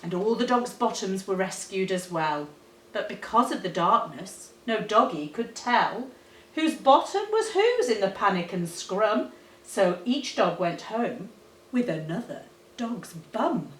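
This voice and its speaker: Female storyteller for rhyming children's tale, expressive and deliberate, recorded at a distance in a roomy space. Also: medium pitch, slight background noise. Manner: animated, dramatic, deliberate storytelling. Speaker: teacher reading a storybook. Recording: roomy, echoey, distant microphone.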